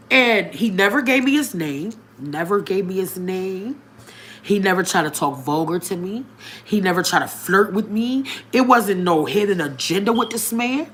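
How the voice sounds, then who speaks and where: A woman's voice: expressive, a little slow, slight background noise. Outspoken woman telling a personal story. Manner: outspoken and straightforward, colloquial, speaks straight to the audience; emphatic, with sudden rises in pitch and loudness. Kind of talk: candid personal storytelling to viewers.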